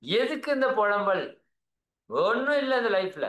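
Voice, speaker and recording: A high, bright-voiced man with a Tamil accent leads a spiritual talk over a video call. He speaks earnestly and coaxingly, checking in with his listeners again and again. His voice rings in an echoey room. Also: very animated, measured pace. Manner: earnest, coaxing, keeps asking "right?". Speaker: spiritual teacher.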